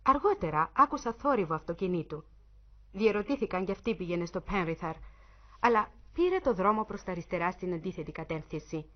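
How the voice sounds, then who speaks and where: Expressive woman narrating a suspense story. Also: lowish voice. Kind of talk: dramatic audiobook narration. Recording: muffled lo-fi recording.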